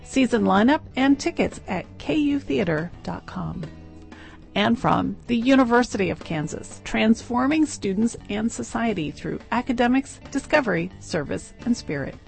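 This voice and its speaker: Female station announcer, gravelly, crisp promo reads over soft music. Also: a little high, expressive, normal speed.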